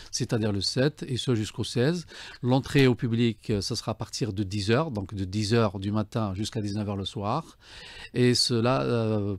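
A man, a guest in a studio radio interview, formal and enthusiastic, filling pauses with "euh" and "donc". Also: lowish voice. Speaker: guest, book fair commissioner. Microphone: studio desk mic.

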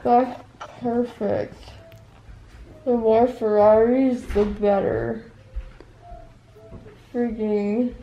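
A woman's voice: on the high side, dark tone, muffled recording, a little hiss or hum. A young woman, groggy and loopy from sedation, rambling casually with a mouth just out of surgery. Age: young adult. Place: living room at home, on a couch. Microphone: handheld camera a short distance away.

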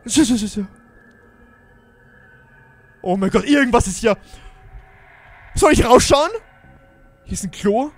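A man's voice: sits high, lively intonation, slow pace, pauses often, faint music behind. A man giving jumpy, exclaiming commentary on a Minecraft role-play adventure, talking straight to his viewers. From Germany. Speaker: gaming YouTuber.

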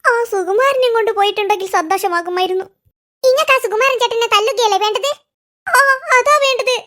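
A woman voicing bickering cartoon children in a comic animation. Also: fairly bright tone. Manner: quick bickering banter in squeaky voices.

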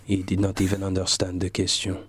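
A man playing an aloof, pompous French gentleman, speaking with a French accent in a deadpan, languid way. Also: sits low, fairly quick, breathy edge, no room sound. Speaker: comedian guest. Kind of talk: in-character comic interview.

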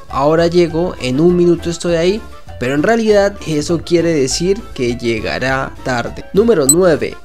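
A man with a slightly high, somewhat mellow voice hosts a channel, narrating a scripted numbered-list video as voice-over on stock footage. His voice lifts at each new item.

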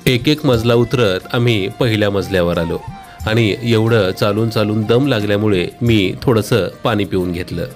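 Brief: low-voiced man, dry deadpan humor, travel vlog narration over soft music. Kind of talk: scripted comic voice-over narration.

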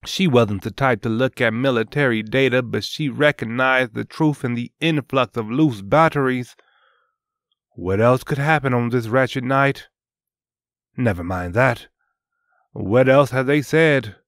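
A man hosting and narrating a dark story in a solemn, deliberate, dramatic scripted style. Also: mid-range voice, no echo, studio quality. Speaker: host and storyteller.

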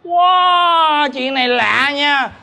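A man's voice: high-pitched, fairly quick, a bit bright. A male comedian playing a hungry, cheeky young lottery ticket seller, bantering playfully and singing vendor calls in a stage sketch. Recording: live stage with music behind.

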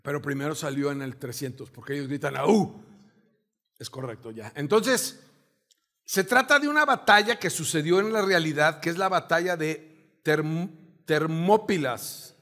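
A middle-aged man with a Mexican accent preaching a sermon as pastor, telling a story with animated energy and acting out shouted commands. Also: a little high, normal speed.

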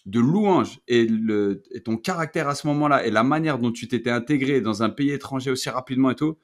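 A man's voice: medium pitch, brisk. A man who hosts a podcast and once played football, speaking in casual chat with an earnest, sincere tone. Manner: earnest, sincere tribute to a friend. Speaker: podcast host, former footballer.

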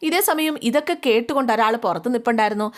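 A woman's voice: fairly high pitch, rapid-fire. A woman, casually retelling a TV serial episode for her listeners and acting out the characters' quarrels in between. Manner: chatty, addresses listeners directly, acts out characters' quarrels. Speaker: storyteller recapping a TV serial.

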